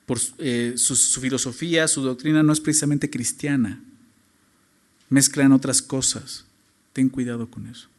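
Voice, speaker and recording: A man preaching a sermon as pastor, stressing points with rhetorical questions and moving between loud emphasis and quiet low phrases. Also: fairly even intonation, normal speed.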